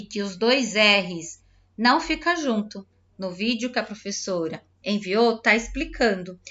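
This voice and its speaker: Bright-voiced teacher woman, lo-fi. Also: medium pitch. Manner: spells out syllables slowly, clapping out words; patient, addresses pupils directly. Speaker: primary school teacher. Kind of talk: recorded lesson explaining a textbook.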